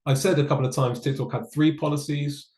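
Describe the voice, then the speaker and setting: A man giving a webinar presentation, explaining in a measured way with dry asides. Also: a little high, steady tone, darkish tone, roomy sound, poor audio. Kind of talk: online presentation on data law.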